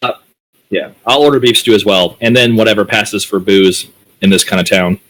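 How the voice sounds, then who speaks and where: A man's voice: lowish voice, normal speed, a bit bright, rough recording. A man playing in a tabletop game, giving short matter-of-fact answers. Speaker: player. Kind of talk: casual tabletop play.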